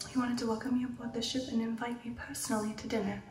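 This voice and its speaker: A breathy, whispering vampire noblewoman, played by a woman, tells her tale in an intimate ASMR roleplay. Her voice is fairly high and evenly pitched, with genteel poise and slow, sensual pauses. It sits in a roomy echo with music behind it. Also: level tone, darkish tone, distant mic, natural voice. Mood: hushed, reminiscing. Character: female aristocratic vampire, poised, sensual, recounting her past. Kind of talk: ASMR roleplay storytelling, whispered and soft-spoken.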